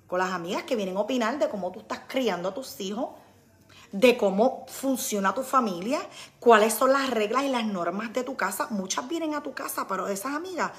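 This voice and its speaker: A woman's voice: fairly high pitch, brisk. A woman, hosting a casual live talk and acting out what friends say to her. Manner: animated, acts out quoted friends. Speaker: podcast host.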